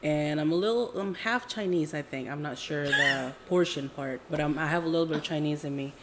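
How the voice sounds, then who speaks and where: Over heavy background noise, a low-pitched woman speaks a little fast. She's a Jakarta-born podcast co-host in her late twenties, keeping the casual chat informal and agreeable while hedging slightly.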